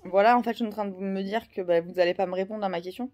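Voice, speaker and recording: A woman in her thirties talks casually to her viewers in a vlog. She rambles, loops back on herself and fills pauses with hesitations, her voice sitting at a medium pitch. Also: steady tone, darkish tone. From France. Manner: rambling, many fillers and restarts. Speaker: vlogger.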